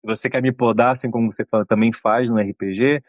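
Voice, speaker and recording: A man in his thirties, co-host of a podcast, retelling a film at length in casual talk and voicing its characters in a raised pitch. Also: fairly even intonation, a little fast, no room sound. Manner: long retelling, acts out quoted lines in raised pitch.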